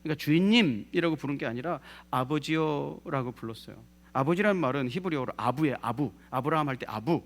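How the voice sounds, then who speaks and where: A male pastor preaching a sermon in a lively way, putting questions to the congregation and acting out what people say. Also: on the high side, fairly quick, few pauses. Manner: lively, asks the congregation questions, acts out quoted speech.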